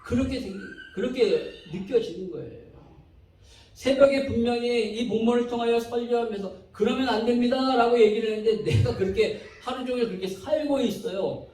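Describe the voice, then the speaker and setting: A man preaching a sermon as pastor, animated, acting out people's complaints in quoted voices. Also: very high voice, a little fast, reverberant, distant mic, a little hiss or hum, poor audio.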